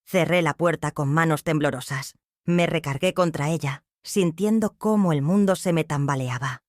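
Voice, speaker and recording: An older woman telling her own story in a measured, emotional first-person narration. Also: deep voice, dry recording, clean studio sound.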